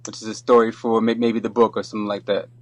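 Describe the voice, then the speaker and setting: A middle-aged man from Brooklyn, a podcast guest who talks in a relaxed, rambling way, full of restarts and you-knows. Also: lowish voice, fast talker, dry recording. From Brooklyn, New York. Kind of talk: casual interview.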